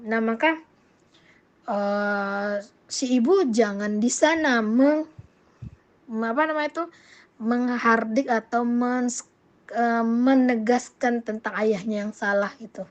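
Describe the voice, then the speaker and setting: With a fairly high pitch, a woman answers viewers' questions during an informal talk about raising children in Islam. She often pauses, fills gaps and corrects herself, growing lively whenever she voices an example.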